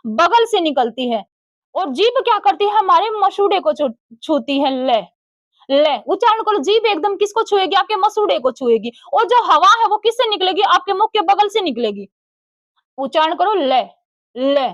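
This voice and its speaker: High-voiced woman teaching Hindi grammar. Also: big pitch swings, a bit bright, no echo, lo-fi sound. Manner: asks the class questions and answers them herself, calls students beta; slowly sounds out letters for the class.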